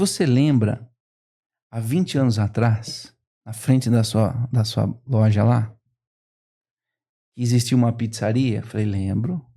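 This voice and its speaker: A man, a guest on a podcast, retelling a story with lively quoted dialogue. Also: medium pitch, gravelly. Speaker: business owner guest.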